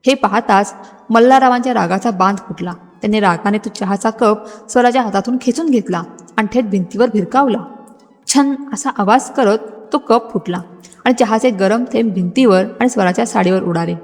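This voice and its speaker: A woman narrating a scripted, dramatic story in a steady storytelling manner. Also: mid-range voice, a little fast. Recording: music bed, long hall reverb.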